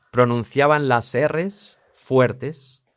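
A man's voice: mid-range voice, very slow, no echo, clean studio sound. A man with a Spain Spanish accent teaching English pronunciation in a casual explanatory way, demonstrating words as he goes.

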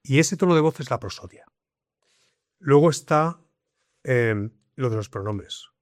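A man appearing as a guest in a conversational interview, a communication coach, explains things in a lively, chatty way and often repeats his point. His pitch is middling and his pace unhurried. He speaks into a dry, close microphone with no room sound or echo.

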